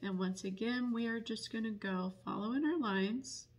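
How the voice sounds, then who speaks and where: Woman, painting tutor, slightly husky voice, casual how-to delivery with frequent ums. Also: on the high side. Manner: unhurried, many ums, explanatory. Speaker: painting instructor and paint retailer. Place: indoors at a table, painting.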